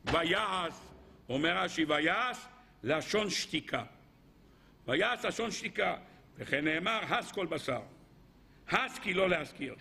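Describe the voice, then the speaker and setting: A middle-aged man, a rabbi giving a lively Torah lesson who questions his listeners and swings between loud exclaiming and low asides. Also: creaky, husky.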